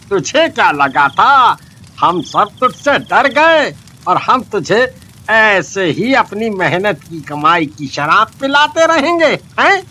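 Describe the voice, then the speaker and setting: A man voicing a defiant male villager in an animated horror story, taunting loudly. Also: high-pitched, heavily acted. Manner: taunting, loud.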